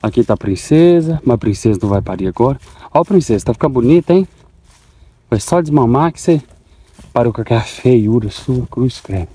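A man's voice: medium pitch, expressive, a little fast, dark tone, breathy edge. A man from Goiás with a Goiás Portuguese accent, vlogging casually on his farm and talking affectionately to his cows. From Goiás, Brazil. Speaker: farmer vlogger. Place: outdoors on a cattle farm.

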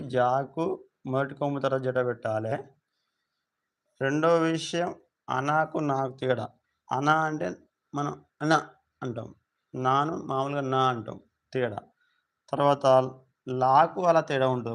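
Guy teaching letters live, says each one over and over, pretty flat voice, mid pitch. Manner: slow, repetitive letter-by-letter drilling. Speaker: Telugu teacher. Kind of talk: live alphabet lesson.

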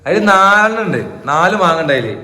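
A man's voice: high-pitched, expressive, fairly quick, sharp tone. A young father, playfully coaxing his children in a casual family vlog. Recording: echoey room with background noise.

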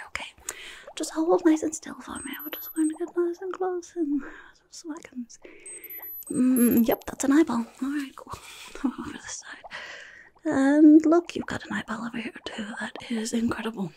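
A young woman voices a rude, impatient goblin nurse for an ASMR roleplay, muttering in soft, breathy whispers right up on a close microphone. Her voice is high and moves at normal speed, and she grudgingly repeats herself.

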